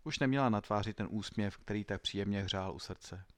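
A man narrating a story in an even, clear storytelling manner. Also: on the low side, no echo. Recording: dry close studio sound.

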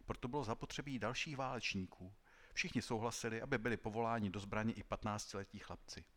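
A man reading a story aloud in a calm, measured way. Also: lowish voice. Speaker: narrator. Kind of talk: read-aloud story narration.

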